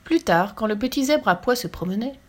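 A woman's voice: on the high side, lively intonation, brisk. Woman reading a children's story aloud.

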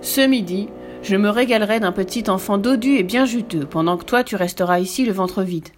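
A gloating, greedy giant crocodile, as a woman reading a storybook puts him on. He brags loudly about his tricks with a pushy, swaggering manner. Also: mid-range voice, fairly quick, a little hiss or hum, close to an everyday voice. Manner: gloating, boastful. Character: greedy boastful huge male crocodile.

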